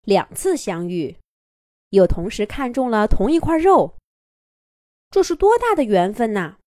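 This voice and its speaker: A woman narrating a children's fairy tale with lively, expressive storytelling. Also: on the high side, a little slow, dry recording, clean studio sound.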